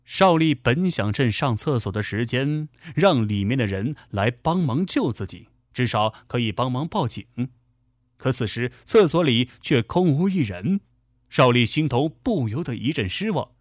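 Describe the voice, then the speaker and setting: A male storyteller narrating a dramatic tale with a vivid delivery. His pitch moves in a lively way, and the recording is close and dry. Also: measured pace, no echo.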